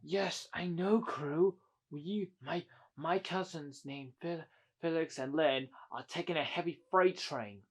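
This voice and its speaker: A man voicing a scheming male tank engine in a homemade toy-train story, working out a plan in halting, restarting sentences. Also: on the high side. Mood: plotting.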